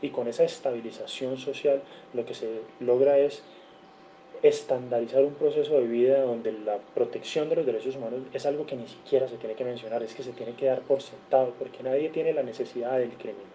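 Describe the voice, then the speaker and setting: The speaker is a man from Cali, Colombia, with a Colombian accent, guest-lecturing earnestly in an online seminar by video call; he lists figures and keeps correcting himself. His warm, mid-range voice is brisk with fairly even intonation, though the audio is poor and has slight background noise.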